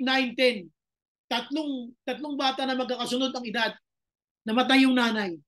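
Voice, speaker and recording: A middle-aged man preaching in a notably high voice. He works through personal stories, acts out what people said to him, and drops into English for his main points. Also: sharp tone. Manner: storytelling, mixing in English lines, acting out quotes. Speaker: pastor. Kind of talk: sermon.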